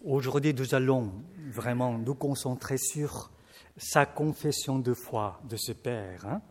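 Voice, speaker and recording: A man preaching, reading scripture slowly and then commenting casually to his congregation with fillers and asides. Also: medium pitch, darkish tone, in a large hall.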